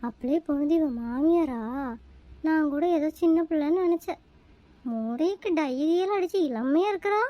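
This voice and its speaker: A woman voicing a sly old village woman who sneaks into a house as a fake guest, muttering low and slow, in a family comedy skit. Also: lo-fi sound, slight background noise, close to an everyday voice. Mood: scheming.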